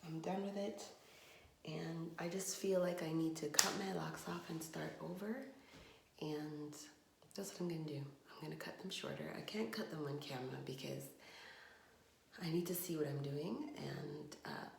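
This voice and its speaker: With a low-pitched, gravelly voice at normal speed, she rambles in a frustrated, trailing way for a casual vlog monologue. The setting is her home bathroom and the mic is her phone camera, giving an echoey recording with a little hiss or hum.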